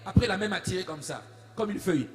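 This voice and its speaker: A man preaching a sermon as a pastor, telling a story, swinging between hushed asides and shouted declarations. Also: high voice, quick pace. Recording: echoey room with faint music.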